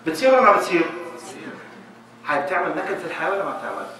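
A man giving a lively public talk to an audience, acting out little dialogues as he goes. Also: high voice, very fast. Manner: animated, acts out little dialogues. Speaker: speaker giving a talk on marriage. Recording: echoey hall, voice from far off, faint noise.

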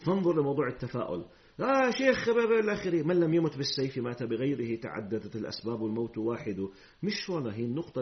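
A man's voice: mid-range voice, dull audio. A man giving a religious lesson. He reads hadith formally, then explains them in colloquial speech and throws rhetorical questions at his listeners. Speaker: Islamic preacher.

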